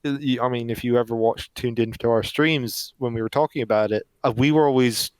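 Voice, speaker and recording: A man chats through a film review as podcast co-host, his voice smooth and clear at an ordinary pitch. The sound is dry and close to the mic, and he talks in an animated, opinionated way. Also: brisk, dry recording, poor audio. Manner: animated and opinionated, laughs often. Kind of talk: casual film review chat.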